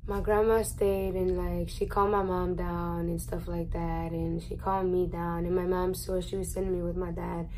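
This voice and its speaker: A woman's voice: on the low side, flat delivery, moderate pace, few pauses, a little mellow, slight background noise, poor audio. A young adult woman vlogger telling a personal story in a casual, rambling way, full of fillers and swearing, at home. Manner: candid, rambling, swears freely, many fillers. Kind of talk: casual storytime while eating.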